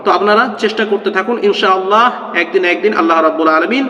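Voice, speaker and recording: A man's voice: high-pitched, racing, sharp tone, roomy sound, big-room sound. A man teaching Quran reading, spelling out syllables letter by letter in a half-chanted way, then encouraging his viewers as friends. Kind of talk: slow spelled-out reading lesson.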